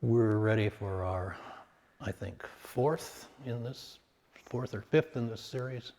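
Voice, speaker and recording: Speaking low with some vocal fry, a man leads a guided meditation, calm and measured, using short phrases and leaving long pauses between them.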